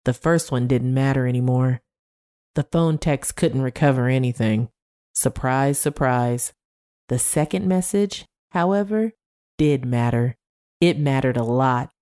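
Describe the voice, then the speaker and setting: Low, mellow woman reading a story. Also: measured pace.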